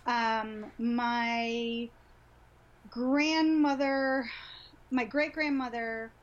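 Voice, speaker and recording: A middle-aged woman from Honduras, a guest on a podcast, talking reflectively over a video call, often restarting and softly laughing. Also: on the high side, steady tone, drawn-out words. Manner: warm-hearted, reflective, with frequent restarts and soft laughs. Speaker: guest, sexuality educator. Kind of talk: casual interview talk. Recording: dull lo-fi video call audio.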